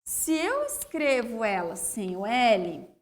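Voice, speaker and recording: Slow, high-voiced Brazilian teacher. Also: female voice, wildly swooping pitch. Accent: Brazilian Portuguese. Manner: checks understanding with frequent "ok?" and "né?", sounds out words slowly. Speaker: primary school teacher. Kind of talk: slow, clear classroom explanation.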